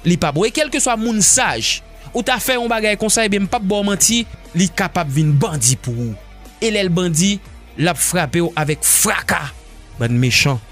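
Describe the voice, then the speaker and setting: Male radio host, impassioned commentary, high lively voice over soft music. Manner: emphatic, mixing Haitian Creole and French.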